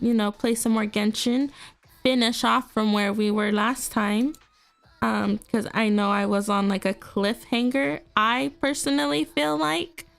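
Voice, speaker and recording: A young woman streaming as a VTuber chats casually and rambles, packing her talk with fillers. Her voice is fairly high, gravelly, and congested, and faint music plays in the background.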